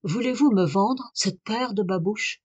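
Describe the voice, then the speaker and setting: Woman reading a fevered, obsessed gentleman scholar. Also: mid-range voice, a little slow, husky, no echo, muffled recording. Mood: insistent. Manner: urgent, exalted speech. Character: aristocratic male scholar, obsessed and feverishly passionate.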